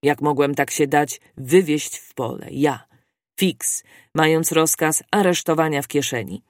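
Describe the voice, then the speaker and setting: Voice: medium pitch, unhurried, no echo, studio quality, close to an everyday voice. A reader voicing a restless police inspector who talks in an agitated way.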